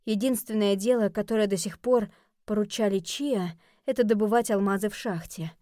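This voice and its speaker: Female audiobook narrator, mid pitch, dry close studio sound. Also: normal speed, dark tone, no room sound.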